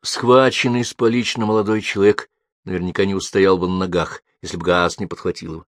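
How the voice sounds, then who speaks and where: A man narrating a literary audiobook with a very low, deep voice. His delivery is measured and steady. The close studio sound is dry, with no room echo. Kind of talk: scripted narration.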